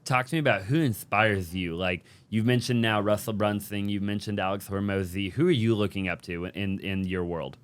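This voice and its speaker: A man's voice: on the low side, clear, resonant tone. A man hosting a podcast, asking casual questions with lots of "like" and "you know". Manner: quick, filler-heavy questions. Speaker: podcast host. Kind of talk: casual interview chat.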